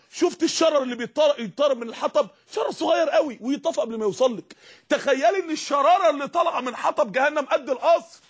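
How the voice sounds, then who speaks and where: A man with an Egyptian Arabic accent preaching a sermon in an impassioned voice that rises to shouts. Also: extremely high pitch.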